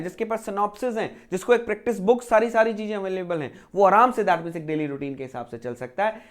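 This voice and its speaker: A man's voice: high voice, fairly bright tone. A man teaching an exam preparation lecture, asking himself rhetorical questions and repeating key phrases to drive each point home.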